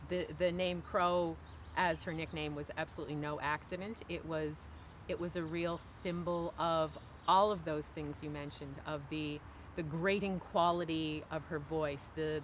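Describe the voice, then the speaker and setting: Seated outdoors on a wooden bench by the woods, a Cape Breton woman in her forties answers interview questions in a low voice, with a slight hiss or hum in the background. Her replies are thoughtful, emphatic and conversational.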